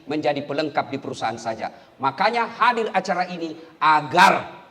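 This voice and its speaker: A man with an Indonesian accent delivering a humorous sermon. His voice sits a bit high and leaps around a lot, jumping from loud, high exclamations down to low, murmured prayers. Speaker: preacher.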